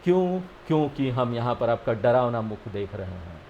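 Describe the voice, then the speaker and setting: A man giving a scripture lesson. He explains each verse slowly and often checks with his listeners. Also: medium pitch, big pitch swings, mellow, dull audio, a little hiss or hum. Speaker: spiritual teacher.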